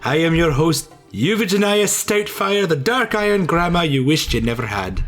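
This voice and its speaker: Man putting on an old dwarf grandma, high, soft, sing-song, doting podcast host. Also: sing-song, moderate pace, faint music behind. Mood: grandmotherly, theatrical. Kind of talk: comedic podcast intro.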